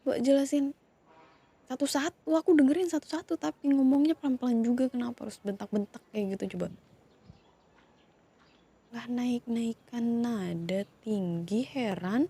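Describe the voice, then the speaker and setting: A woman in a whispered role-play, calmly scolding and soothing two siblings who have been fighting. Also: a little high, normal speed, long pauses, husky. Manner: scolding yet soothing, questioning. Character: woman calming partner and his younger sibling fighting. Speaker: ASMR roleplay creator.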